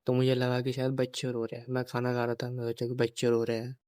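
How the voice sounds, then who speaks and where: A man's voice: medium pitch, monotone, fast talker, darkish tone, smooth, no echo. A young man, a vlogger, talking about a painful personal memory and often repeating his phrases as he tells it. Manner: grieving, repeats phrases, quotes others in dialogue. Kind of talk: personal storytelling vlog.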